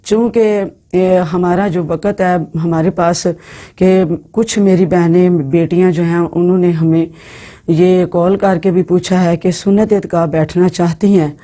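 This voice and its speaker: Teaching other women about Islam in an informal setting, this woman speaks instructively, pausing mid-phrase and repeating words. She has a lowish, dark-toned voice with fairly even intonation.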